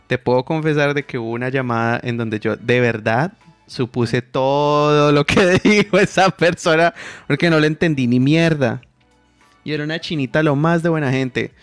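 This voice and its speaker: A man's voice: mid-range voice, moderate pace, no echo, soft background music. A man, co-hosting a podcast and speaking frankly in crude, joking slang. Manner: frank, crude, swearing, teasing. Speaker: podcast co-host, interpreter. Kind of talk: casual podcast chat.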